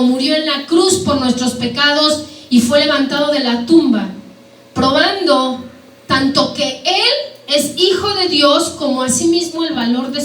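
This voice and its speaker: Woman preacher, high voice, echoey hall, sermon with questions to the congregation. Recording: echoey hall, mic at a distance, faint background noise.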